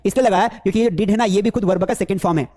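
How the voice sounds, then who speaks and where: A man's voice: sits high, very fast, mellow. A man teaching English in a live online class, with a Hindi accent, coaxing students with repeated questions.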